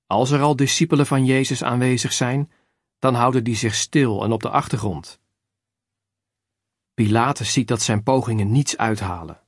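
Male narrator, mid pitch, measured scripted reading, dry close recording. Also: breathy edge, no room sound. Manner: measured, even reading of chapters and verse numbers. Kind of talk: scripted narration of a religious book.

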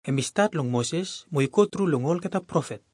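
A man's voice: a little high, lively intonation, a little fast, a little mellow, no echo, clean studio sound. A man with a Melanesian Pidgin accent, reading Bible verses aloud as a scripture reader.

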